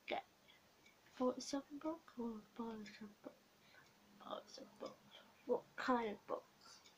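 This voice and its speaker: Woman doing a slow, ASMR role-play library clerk. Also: on the high side, lo-fi sound. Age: young adult. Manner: halting, short repeated phrases. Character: attentive library and bookshop clerk serving a customer. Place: small home room, indoors. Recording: noisy home recording with clicks.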